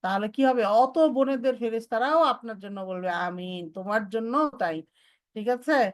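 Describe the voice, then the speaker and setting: A woman teaching Quran recitation, drilling letter sounds slowly and mixing in English phrases. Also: a little high. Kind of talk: online tajweed lesson.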